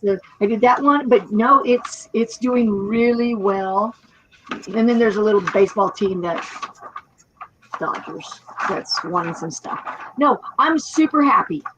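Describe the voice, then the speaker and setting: A woman's voice: mid-range voice, measured pace, a bit bright, a little hiss or hum, rough recording. A woman in her fifties chatting casually as a co-host, rambling with restarts and laughs. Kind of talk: casual chat on a live stream.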